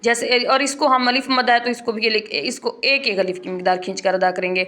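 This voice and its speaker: Female Quran teacher, higher-pitched, patient and repetitive, demonstrates sounds slowly. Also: steady tone, a bit bright. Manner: patient, repeats points, demonstrates letter sounds slowly and clearly. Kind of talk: tajweed lesson.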